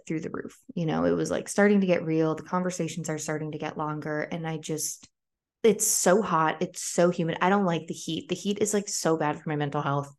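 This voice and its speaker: A woman in her twenties hosting a podcast, telling a personal story in a casual, chatty way full of "like" fillers. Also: deep voice. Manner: chatty, frequent "like" fillers, acts out quoted voices. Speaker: podcast host.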